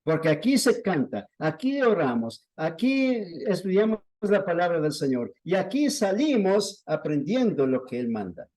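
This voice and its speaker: A man preaches to a small congregation, telling stories slowly and deliberately, with lively swings in pitch.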